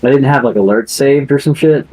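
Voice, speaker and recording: A man's voice: mid-range voice, a little fast, darkish tone, husky, soft background music, rough recording. A man chatting casually as a player in a tabletop game stream, joking and laughing often. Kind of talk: casual chat between players.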